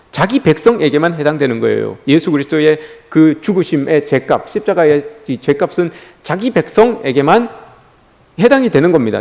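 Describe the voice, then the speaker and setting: A man preaching a sermon to his congregation, speaking to them directly and with lively emphasis. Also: on the high side. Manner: animated preaching, addresses the congregation directly, often says "여러분". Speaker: pastor. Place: church sanctuary. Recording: long church hall reverb.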